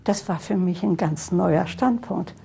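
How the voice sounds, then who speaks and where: A woman's voice: fairly low pitch, measured pace, gravelly, warm tone, husky. An older woman giving a reflective eyewitness recollection in an interview. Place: dark indoor interview studio.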